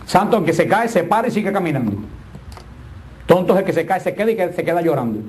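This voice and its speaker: A man's voice: high-pitched, lively intonation, fast, a little mellow, slight background noise. A middle-aged man preaching a sermon with emphatic, swinging delivery and joking asides.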